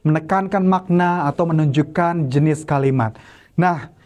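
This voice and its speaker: A male university lecturer from Indonesia teaching public speaking in a classroom, talking in a demonstrative way and ending phrases with "ya". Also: a little high. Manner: demonstrative, repeats examples loudly, frequent "ya" tags.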